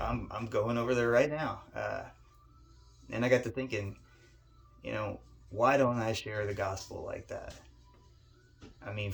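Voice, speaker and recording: A man's voice: on the low side, creaky. A man giving a short sermon message, telling a story in a conversational way with frequent stammering repeats. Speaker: pastor.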